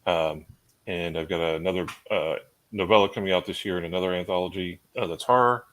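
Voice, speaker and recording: A man's voice: deep voice, fairly quick, fairly bright tone, rough recording. A man introducing himself casually and hesitantly as an author on a panel.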